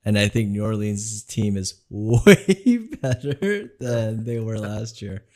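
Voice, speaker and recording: Man, young adult, tipsy, excitable, repeats himself, casual sports chat. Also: on the low side, takes it slowly. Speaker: podcast co-host.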